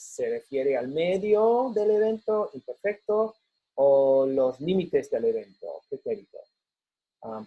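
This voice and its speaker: A man teaching a university class, explaining points slowly and switching between English and Spanish with frequent fillers. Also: fairly high pitch, mellow, husky, low-quality recording. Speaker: university instructor. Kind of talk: recorded lecture review.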